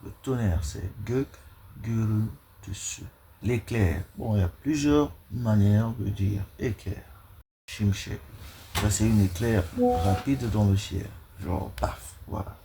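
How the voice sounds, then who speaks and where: A man's voice: on the low side, slow, warm tone, a little hiss or hum. A man giving a vocabulary lesson, listing words one at a time and repeating each. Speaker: language teacher.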